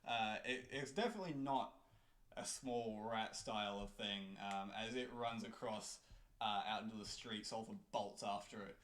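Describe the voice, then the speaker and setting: A man narrating as game master of a tabletop role-playing game, slow and halting, with many ums. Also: on the low side, fairly bright tone.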